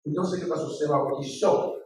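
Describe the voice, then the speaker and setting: A middle-aged male pastor delivers a sermon conversationally, working in personal stories. His voice sits a little high and a bit mellow, at normal speed. The room is very echoey, and the mic is far away.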